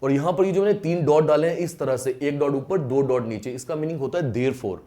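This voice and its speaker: A man teaching maths in an online lecture, his voice mellow and pitched a little high. He explains patiently, repeats the key points and draws out English terms when he stresses them. He keeps checking that his students follow along. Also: fairly quick. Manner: mixes in English phrases, drawn out when stressed.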